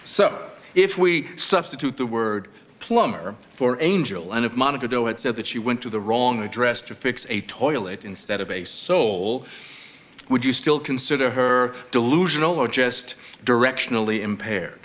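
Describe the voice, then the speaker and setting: An actor playing a hesitant, wry defense lawyer who questions haltingly in a TV courtroom drama. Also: male voice, mid-range voice, expressive, a bit bright, close to an everyday voice. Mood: tentative, wry. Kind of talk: television courtroom drama acting.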